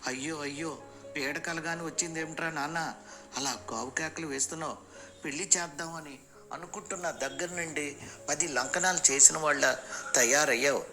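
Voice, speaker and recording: A man voicing an elderly grandmother who scolds and laments loudly in a storybook. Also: a little high, normal speed, over music, close to an everyday voice. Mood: scolding. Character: elderly grandmother, fussy and wailing.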